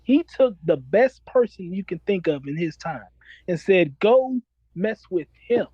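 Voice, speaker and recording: A man's voice: sits high, animated, unhurried, breathy edge, dry recording, lo-fi sound. A man in his forties, a self-described minister, talking earnestly and preachily in a casual interview and repeating his key phrases. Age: 40s.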